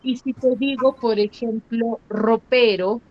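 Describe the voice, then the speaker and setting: A woman teacher runs an online lesson at an unhurried pace, her somewhat high voice drawing out syllables and firing short questions at pupils. The call audio is a little dull and muffled. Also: lively intonation, a little hiss or hum. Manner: quizzing, stretching out syllables for emphasis. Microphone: computer mic on a video call.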